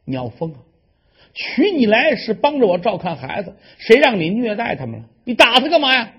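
A man's voice: high-pitched, sing-song, a little fast, slightly rough, pitched above the performer's own voice, exaggerated voice. A man voicing an angry middle-aged father, a trained fighter, scolding sternly, on a dull lo-fi recording.

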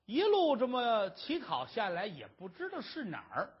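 A man performing traditional Chinese storytelling, lively and dramatic, on a dull lo-fi recording. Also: moderate pace, slightly rough. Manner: lively, dramatic, shifting pitch.

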